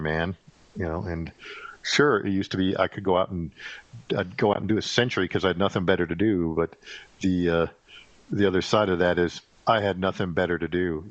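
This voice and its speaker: A middle-aged man talking in a casual, rambling solo monologue, halting often with fillers and restarts. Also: sits low, dry recording. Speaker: podcast host rambling solo. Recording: dull, dry lo-fi recording.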